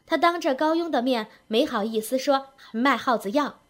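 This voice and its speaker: A woman telling a humorous story aloud, with wry, lively narration and rhythmic phrasing. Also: high voice, normal speed. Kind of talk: spoken comic storytelling.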